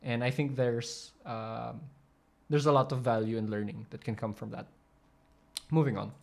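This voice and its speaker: Talking loosely over a clip, this male host explains coaching with lots of fillers like "um" and "like" and frequent mid-sentence restarts, as though working out his thoughts on the spot. His middling pitch stays fairly even, he moves at a moderate pace, and there's vocal fry in his voice.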